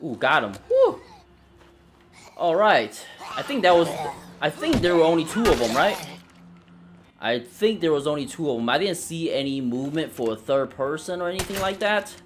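A man giving casual let's play commentary on a game, excitable and cursing, with sudden shouts. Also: on the high side, normal speed, background noise. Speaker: gamer.

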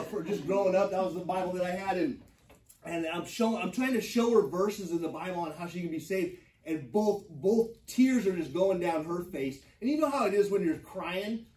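A man's voice: high-pitched, darkish tone. A man teaching a church Bible class, telling a personal story with many ums and restarts. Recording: echoey room, mic from far off.

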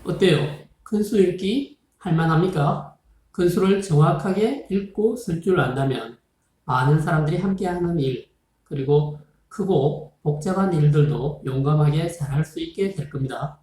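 A math teacher giving a recorded lesson, explaining slowly and patiently, reading numbers out digit by digit and politely asking viewers to try. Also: mid-range voice, darkish tone. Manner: polite formal speech, asking viewers questions. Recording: roomy, echoey room sound.

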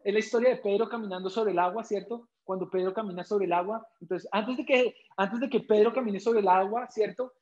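A young man preaching a sermon as pastor, firing rhetorical questions and dropping to a hush when quoting Jesus. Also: sits high, lo-fi sound. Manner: drops to soft, quiet tones when quoting Jesus.

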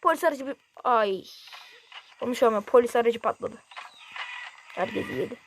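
A man giving casual, excitable gameplay commentary in slangy speech, yelping at sudden moments. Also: very high voice, normal speed, a little hiss or hum. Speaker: gameplay streamer.

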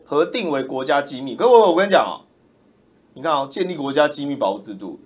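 A man, ranting loudly and mockingly as a political commentator on a livestream. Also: on the high side, expressive, fast talker. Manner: loud, roaring, mocking, insulting.

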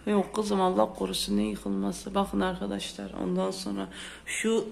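A woman's voice: medium pitch, level tone, normal speed, vocal fry, a crowd in the background. A woman hosting a casual home vlog, chatty and exclamatory, a bit sick with a sore throat, complaining as she talks. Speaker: vlogger host. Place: at home, indoors.

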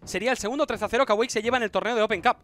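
A man working as an esports caster, giving urgent, excited play-by-play commentary on a match. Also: high-pitched, rapid-fire, slight background noise. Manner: urgent, running description of the action.

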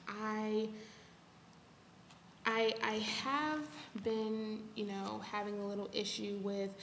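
A young adult woman giving a casual update to camera, halting as she thinks aloud. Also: mid-range voice. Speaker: vlogger. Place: small bare room at home. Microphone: webcam or laptop at arm's length. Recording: echoey room, faint background hiss.

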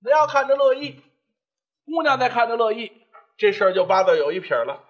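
Guy doing a pushy cheerful old matchmaker lady, high voice. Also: a little fast, highs cut off. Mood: coaxing. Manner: coaxing, eager. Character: eager chatty older woman matchmaker.

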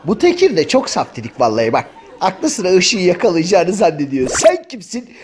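A man's voice: sits high, wildly swooping pitch, normal speed, a little mellow, some chatter behind. A man voicing a chatty male house cat in a comic dubbing of pet videos, joking and grumbling with many exclamations. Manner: colloquial, joking, full of exclamations.

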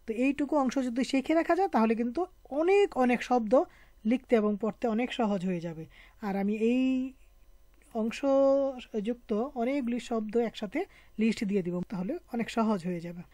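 A woman's voice: a little high, animated, normal speed, dark tone, dry recording. A woman teaching a French spelling and pronunciation lesson, patiently spelling out each sound letter by letter. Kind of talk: online language lesson.

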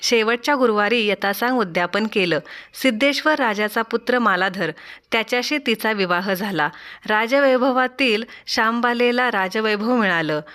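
A woman reading aloud a devotional folk tale in a measured, rhythmic storytelling style. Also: a little high, a bit bright. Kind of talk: scripted folk tale narration.

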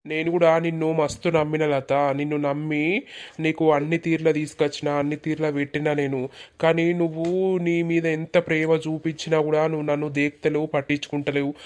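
In this animated village comedy dialogue, a performer plays a wounded, bitter villager who reproaches and pleads in a Telangana Telugu accent. His mid-range voice is a little mellow, and the performance is lightly acted.

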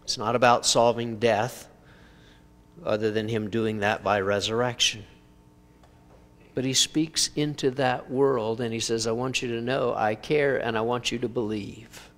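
A preacher giving a conversational sermon, asking rhetorical questions with dry humor. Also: male voice, mid-range voice, steady tone, a little slow, long reverb tail. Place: church sanctuary.

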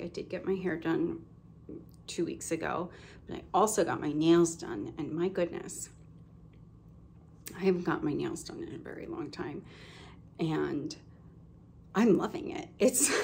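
A woman chats casually to her camera at home, showing off her stitching with plenty of ums and restarts. Her voice sits low with a gravelly edge and sounds a little congested. A faint hiss runs under the recording. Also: mellow. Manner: chatty, rambling, many ums and self-corrections. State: slightly congested, coughing now and then. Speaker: cross-stitch vlogger. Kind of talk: casual show-and-tell chat.

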